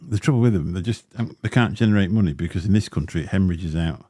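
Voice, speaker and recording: Fast and mellow, a deep-voiced man hosts a casual livestream, unboxing gear amid rambling asides and plenty of fillers. His close dynamic studio mic gives studio quality with no echo.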